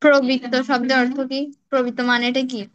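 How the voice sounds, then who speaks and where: A woman's voice: high voice, flat delivery, fast, no echo, muffled recording. A woman student asking a question in an online class, hesitant and questioning.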